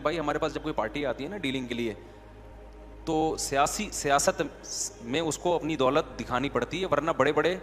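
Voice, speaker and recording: A man's voice: mid-range voice, a bit bright, long reverb tail. A man giving a conversational religious sermon, often asking his listeners questions. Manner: conversational, asks the audience questions. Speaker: religious preacher. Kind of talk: Urdu sermon.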